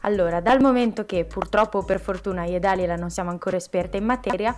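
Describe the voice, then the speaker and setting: A woman's voice: medium pitch, quick pace, darkish tone, a little hiss or hum. A young woman co-hosting a student radio show in a scripted presenting style. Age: young adult.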